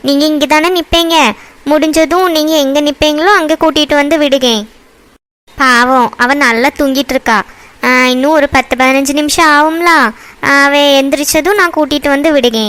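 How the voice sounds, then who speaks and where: High, gentle cartoon village woman, voiced by a woman, soft music behind. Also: steady tone, normal speed. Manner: gentle, soothing. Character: kind caring young village woman.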